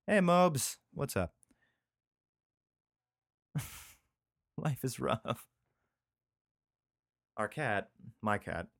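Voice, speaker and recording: A man's voice: lowish voice, a bit bright, no room sound, studio quality. A man reading scripture aloud in an irreverent, profane way, breaking off into rambling casual asides. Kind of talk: casual comedic reading and chat. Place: indoor room with a cat.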